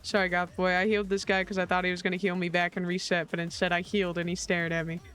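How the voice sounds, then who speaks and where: A man's voice: high voice, monotone, fast talker, sharp tone, smooth, faint music behind. A man streaming a video game, chatting casually, joking, laughing often and swearing freely, tired after little sleep. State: tired after a long night.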